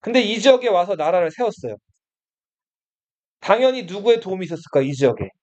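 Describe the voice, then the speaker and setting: A man's voice: sits high, expressive, brisk, a little mellow. Guy giving a history class, keeps asking students stuff, voice jumps around a lot. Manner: asks students questions and answers them himself. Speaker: history teacher. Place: study room classroom. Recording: dull lo-fi classroom recording.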